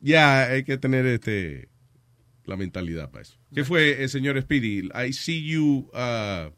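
A man's voice: medium pitch, very animated, a bit bright, dry recording. A man hosting a radio show, joking and teasing callers in playful banter. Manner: teasing, playful, quick to joke. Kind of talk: casual comic radio banter.

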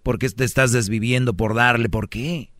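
A man's voice: medium pitch, fairly even intonation, normal speed, fairly bright tone, no echo, clean studio sound. A man with a Mexican accent hosting a radio show, giving joking, preachy advice with a string of rhetorical questions. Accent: Mexican Spanish. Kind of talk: comic advice monologue.

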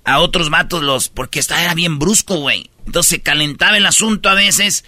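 A man's voice: fairly high pitch, fairly quick, sharp tone, no echo, studio quality. A man with a Mexican accent, hosting a radio show and telling a story in slangy, rambling casual chat. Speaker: radio host.

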